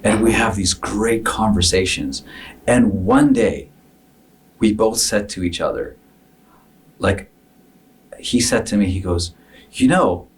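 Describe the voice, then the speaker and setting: Taking it slowly with long pauses, this fairly low-voiced podcast co-host and business founder, originally from Africa and now in Canada, reflects in a casual conversation. He earnestly shares anecdotes and acts out dialogue, heard through a distant mic.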